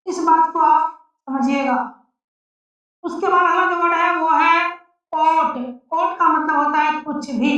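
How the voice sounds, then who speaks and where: A woman teaching an English pronunciation lesson, spelling out letters slowly and repeating each word. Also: very high-pitched, pushed and bright. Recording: echoey, distant, dull lo-fi sound.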